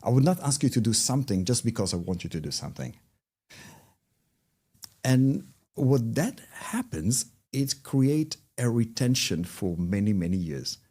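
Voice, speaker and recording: Lively Israeli man telling stories. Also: a little slow, breathy edge. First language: Hebrew. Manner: lively, swings pitch widely, acts out quotes. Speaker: guest, workshop trainer. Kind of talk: animated storytelling in a podcast interview.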